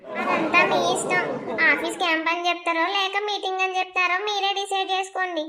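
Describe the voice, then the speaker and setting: A woman's voice: very high-pitched, level tone, a little fast, sharp tone. A woman voicing a bossy, scheming young female mistress in a cartoon, cold and taunting as she gives orders. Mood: demanding. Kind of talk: cartoon voice acting.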